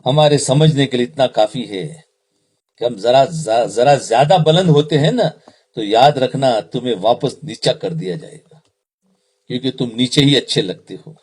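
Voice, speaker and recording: A man's voice: mid-range voice, animated, darkish tone, slightly rough. A man, an Islamic preacher, giving a sermon, repeating phrases and asking the audience questions.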